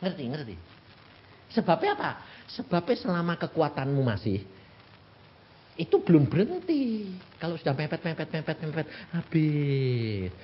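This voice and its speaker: A man's voice: fairly high pitch, normal speed, slight background noise. Elderly male preacher, Javanese accent, wildly swooping raised voice, dull lo-fi recording. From Central Java, Indonesia. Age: 80s. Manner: animated, asks the congregation rhetorical questions. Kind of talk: sermon.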